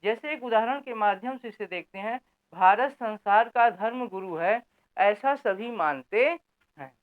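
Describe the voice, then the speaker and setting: A man's voice: high voice, measured pace, smooth. A man teaching a Hindi grammar lesson who keeps checking in with "theek na" and asks and answers his own questions. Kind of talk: explanatory lesson. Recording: phone-like narrow band.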